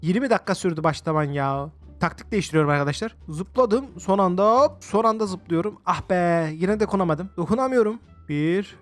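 A man excitedly commenting on his own gameplay, exclaiming often and chatting to his viewers as he plays. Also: sits high, a little fast, hardly any pauses, faint music behind. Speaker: gaming video host. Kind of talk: let's-play game commentary.

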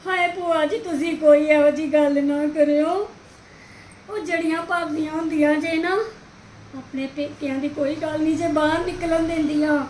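A woman's voice: high-pitched, fairly even intonation, normal speed, darkish tone, lightly acted. A woman playing a fussy young daughter-in-law in a homemade family drama, complaining with wailing drama. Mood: aggrieved. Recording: echoey room, faint hiss.

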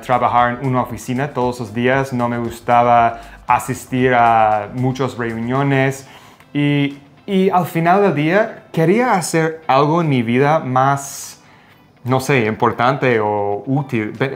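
Man, 40s, American accent, non-native Spanish, relaxed halting co-host, lapel mic, light music. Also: medium pitch. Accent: American English. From United States. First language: English. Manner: relaxed, halting, with fillers and restarts. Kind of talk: casual chat in learned Spanish. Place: home kitchen.

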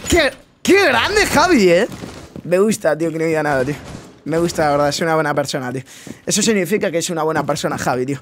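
A man's voice: a little high, rapid-fire, a little hiss or hum. A young man, giving casual, slangy gameplay commentary full of swearing and addressing his viewers directly. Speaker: gaming streamer.

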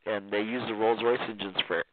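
A man's voice: on the low side, fairly even intonation, a little fast, background noise. Rambling man on a tinny phone line. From Iran. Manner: rambling, laughs often, many restarts. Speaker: guest. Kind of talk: casual interview talk.

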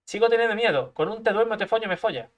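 A man's voice: sits high, animated, fast. A man from commentating his own card game match, talking to himself, swearing a lot, making sound effects and breaking into frustrated outbursts. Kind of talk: gameplay commentary.

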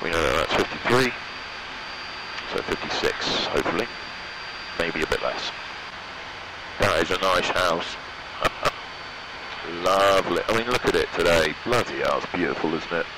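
With a deep voice and lively intonation, a young British man working as a student pilot mutters quick flight checks to himself, speaking a little slowly and pausing often. The audio comes from his aviation headset in a small open-sided microlight cockpit in flight, with loud aircraft engine noise.

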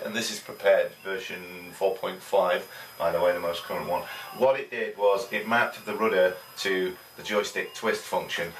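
Middle-aged man, low voice, rambling home review, echoey room, camera mic a few feet off. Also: a bit bright. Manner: rambling, hesitant, many fillers. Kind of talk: casual product review. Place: small home room with desk and computer. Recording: roomy, distant camera audio, faint hiss.

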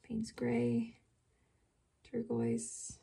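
A woman's voice: a little high, monotone, very slow, gravelly, dark tone, a little hiss or hum. A woman casually talking through a painting demonstration, chatting and muttering asides to herself as she works. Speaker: art video creator.

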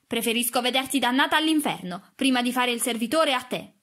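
Donna che fa un ragazzo rozzo e scontroso. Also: female voice, fairly high pitch, a little fast, a bit bright, pitched above the performer's own voice, natural voice. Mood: surly. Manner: gruff, curt. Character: surly, rough young country lad.

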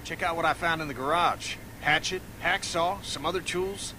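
A man's voice: a little high, normal speed, noisy background, close to an everyday voice. An actor playing a blunt, plain-spoken, wary man in a video game. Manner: blunt, matter-of-fact.

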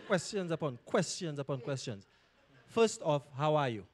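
A man's voice: fairly high pitch, very animated, a little slow. A man hosting on stage, introducing the guest with showman energy and interviewing him, using a handheld mic. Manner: showman, hypes the crowd. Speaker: interviewer and emcee. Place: library auditorium stage with audience.

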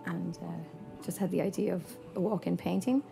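A woman's voice: on the low side, fairly even intonation, normal speed, creaky. A woman with a west of Ireland accent, casually describing her work as an artist. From Mayo, west of Ireland. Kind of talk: casual interview account. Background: music.

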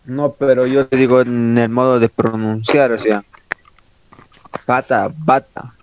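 A man's voice: medium pitch, steady tone, moderate pace, a little mellow, clean tone, lo-fi sound. A male student asking his teacher hesitant questions in an online class.

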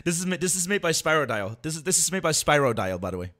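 Here a livestream host with a fairly high voice welcomes viewers at a quick pace. His talk is light, excitable and full of jokes, and he keeps repeating himself.

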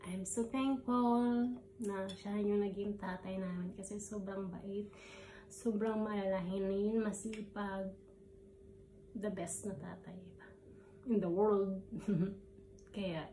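A Filipino woman vlogger telling a personal story while crying, halting and choked up, with many fillers and English mixed in. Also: mid-range voice, steady tone, mellow, reverberant, slight background noise. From Philippines. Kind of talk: tearful personal storytelling vlog. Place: room abroad.

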